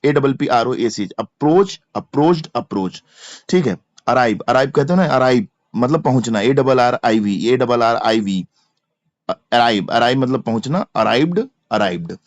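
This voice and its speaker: A man's voice: mid-range voice, darkish tone, no echo. A male teacher with a Hindi accent, giving an exam-prep grammar lecture, spelling words out letter by letter and repeating each verb form. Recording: dry, slightly dull lo-fi mic.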